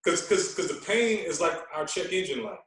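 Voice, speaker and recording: In a podcast conversation, a male guest who works as a fitness coach explains things at length, punctuating them with emphatic rhetorical check-ins. His somewhat bright voice runs on the high side, with lively intonation and a moderate pace. He sounds distant, captured in a very echoey room.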